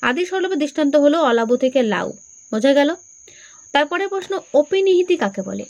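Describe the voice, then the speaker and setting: A woman's voice: high-pitched, sing-song, quick pace, darkish tone, no echo. A woman teacher going through exam grammar questions, asking each question and then answering it herself, repeating the key terms for her students. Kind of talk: exam-prep grammar lesson.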